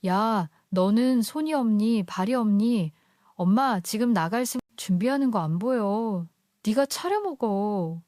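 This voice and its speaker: A woman voicing a curt, busy middle-aged mother who scolds her daughter slowly and sharply, in a dry close recording. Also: medium pitch, no room sound, lightly acted. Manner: slow, sharp and dismissive.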